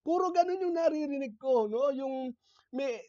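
A man giving an inspirational talk, telling stories in a conversational, animated way and checking in with the listeners. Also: very high voice, normal speed, no room sound, lo-fi sound. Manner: conversational, animated storytelling with frequent "no?" and "okay?" asides. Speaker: lay speaker.

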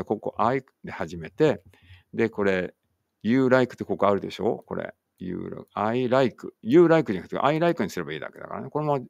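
A man's voice: fairly low pitch, creaky, a little mellow, dry recording, lo-fi sound. A man teaching an online English writing lesson, thinking aloud as he types and chatting encouragingly to students.

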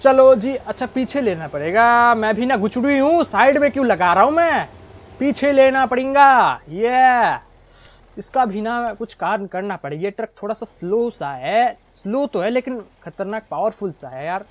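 A young man giving casual, chatty gameplay commentary, full of excited exclamations. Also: extremely high pitch, moderate pace. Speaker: gaming YouTuber.

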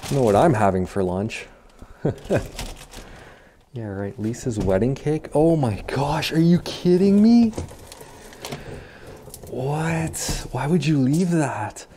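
A man's voice: medium pitch, expressive, slow pace, pauses often, mellow, a little hiss or hum. A man giving casual, chatty commentary as he walks through an abandoned house, easily amazed by what he finds, recorded on a body-worn camera. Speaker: urban explorer host. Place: empty abandoned house, indoors.

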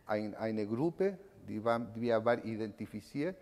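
Speaking into a microphone on a stand in a reverberant hall, a sixty-something Chilean eyewitness delivers his personal testimony to an audience from a lectern in an indoor event room. His voice sits on the low side and is expressive and a little mellow, with a Chilean Spanish accent, and he gropes haltingly for words since he isn't using his native Spanish.

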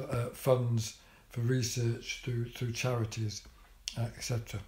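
A man's voice: mid-range voice, warm tone. An older man telling a story about his hospital visit in a casual vlog, with dry, wry humour and many ums and restarts. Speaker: vlogger. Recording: echoey room.

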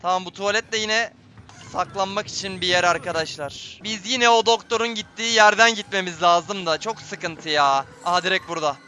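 A man's voice: sits high, steady tone, fairly quick, pushed and bright, faint music behind. A man giving tense, jumpy live commentary on a horror game, talking straight to his viewers. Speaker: gameplay streamer.

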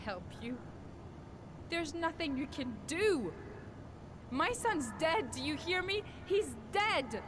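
A woman's voice: high-pitched, very animated, takes it slowly, long pauses, heavily acted. A bitter grieving mother. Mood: grief-stricken. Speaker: game character. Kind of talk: video game voice acting. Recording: game audio with clear background noise.

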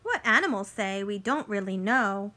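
A woman in her thirties, mid-range in voice, is reading a picture book out loud to little ones. She sounds like a teacher, sing-song and full of expression, stopping to ask simple questions.

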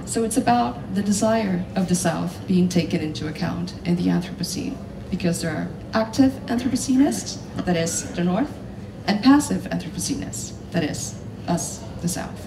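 A woman's voice: on the low side, expressive, normal speed, vocal fry, hardly any pauses. A woman journalist from the Dominican Republic speaking on a conference panel, pointed and assertive. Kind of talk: panel talk on stage. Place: large hall on stage. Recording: roomy hall, mic at a distance, noisy.

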